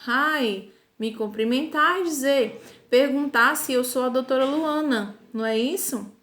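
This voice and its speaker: A high-pitched woman gives a recorded lesson to schoolchildren. She talks patiently, pausing to check understanding and carefully slowing down on each English example. The room around her has a noticeable echo. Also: a bit bright. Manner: patient, slow and deliberate, repeats "tá?" and "ok?" checks. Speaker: primary school English teacher.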